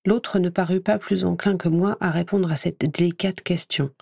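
A woman reading a first-person story aloud in a measured, clear storytelling manner. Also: lowish voice, fairly even intonation, a little mellow, no room sound, clean studio sound. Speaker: audiobook reader.

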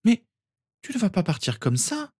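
A man's voice: sits high, wildly swooping pitch, normal speed, dark tone, slightly rough, dry recording, studio quality, pitched above the performer's own voice, exaggerated voice. Man doing an anxious tearful mother. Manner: anxious, pleading. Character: worried gentle mother, woman.

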